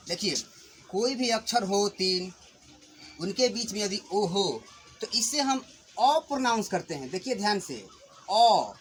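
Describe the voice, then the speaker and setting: A male teacher with a high, bright voice walks children through a pronunciation lesson. He asks questions and then answers them, hitting each example word firmly. A faint hiss of noise sits under the recording. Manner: patient, questioning, stresses example words loudly. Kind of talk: classroom lesson explaining English pronunciation to children.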